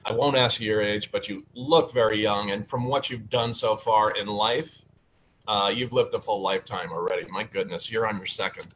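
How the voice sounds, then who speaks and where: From a bookshelf-filled home study, a man serves as host and candidate on a relaxed video call talk show, chatting cheerfully with many filler words. His voice is lowish, steady, fairly bright, and moderately paced. The webcam audio is rough, with a little hiss or hum.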